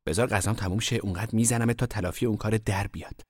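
A man voicing an angry, bossy little sister who scolds in a raised, shrill voice. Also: breathy edge, no echo, studio quality.

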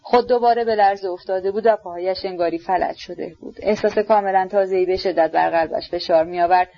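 A woman giving steady, scripted audiobook narration. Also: medium pitch, lo-fi sound.

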